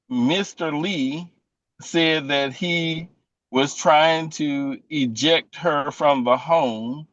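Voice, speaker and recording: A male defense attorney cross-examining a witness in court, pointed and deliberate. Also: a little high, a bit bright, no room sound. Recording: dull, dry lo-fi courtroom audio.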